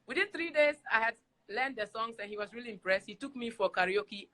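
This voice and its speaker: A Ghanaian woman, a singer, chatting as a guest over a video call in a casual live-stream interview, animated and laughing often as she acts out the voices in her stories. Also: fairly high pitch, brisk.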